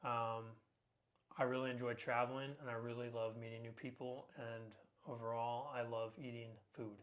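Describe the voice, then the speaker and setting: Upbeat twenty-something male co-host, talkative, casual and filler-heavy, average pitch. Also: level tone, normal speed, muffled recording. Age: 20s. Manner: talkative, upbeat, frequent ums and uhs. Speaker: podcast co-host. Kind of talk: casual podcast chat.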